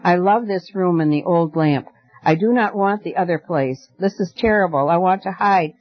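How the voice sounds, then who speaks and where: A man's voice: high voice, normal speed, voice pushed up. A man reading a storybook aloud and voicing a frightened young girl who pleads in fear of the light. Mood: frightened pleading. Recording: dry, dull lo-fi recording.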